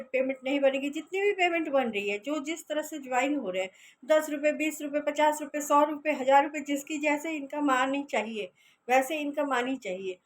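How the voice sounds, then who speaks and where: High-voiced woman giving earnest business advice. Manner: earnest, persuasive, tells a fable. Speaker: network marketing motivational speaker. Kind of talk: casual motivational talk.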